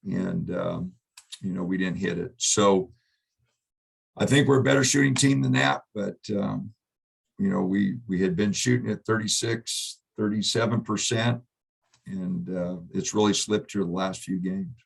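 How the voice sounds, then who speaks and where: Middle-aged male coach, deep husky voice, halting postgame answers. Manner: halting, subdued, many fillers and restarts. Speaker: basketball head coach. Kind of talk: postgame press conference.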